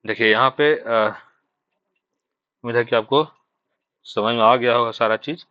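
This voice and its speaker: A man's voice: medium pitch, fairly even intonation, unhurried, clean tone, no room sound. A man from Jharkhand teaching shorthand in an online exam-prep lesson, explaining patiently and repeating himself with many fillers. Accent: Hindi speaker from Jharkhand. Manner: patient, repetitive explaining with frequent fillers and "thik hai" checks. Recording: dry, slightly dull sound.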